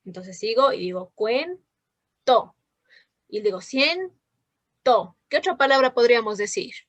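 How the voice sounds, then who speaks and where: A woman's voice: mid-range voice, fast, a bit bright, no room sound. A woman teaching a literature class over a video call, patient and asking questions often. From Ecuador. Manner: patient, checks in with frequent questions. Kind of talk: online class lesson.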